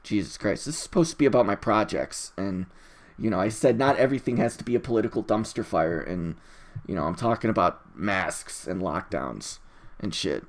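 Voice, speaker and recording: In a low voice with lively intonation and normal speed, a person rambles through a casual solo audio log. They're opinionated, exasperated and emphatic, drifting into frequent tangents and swearing as they get easily distracted.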